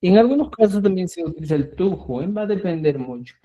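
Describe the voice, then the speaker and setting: A man's voice: sits high, lively intonation, fast talker, muffled recording, crowd noise. A man teaching a Quechua lesson, repeating words and checking in with his students. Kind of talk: online language lesson.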